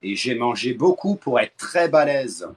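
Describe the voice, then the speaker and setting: A man from France hosting a live stream, chatting casually with callers and cracking deadpan jokes. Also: mid-range voice, measured pace, slightly rough.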